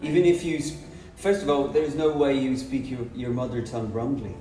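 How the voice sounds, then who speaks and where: Brisk and dark-toned, a Brazilian man with Portuguese as his first language teaches English on a podcast, using short repeated phrases to stress his points. His voice sits at medium pitch with fairly even intonation, captured by a distant mic in a roomy space with music behind.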